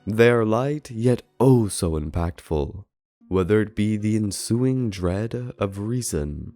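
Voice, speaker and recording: Music plays under a lowish, mellow male voice narrating a scripted review. The speaker, a video essay reviewer, sounds earnest and uses formal wording.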